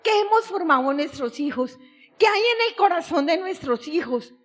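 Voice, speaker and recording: A woman's voice: extremely high pitch, animated, normal speed, a bit bright. A middle-aged woman giving an impassioned, tearful religious testimony. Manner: impassioned, tearful, crying out at times.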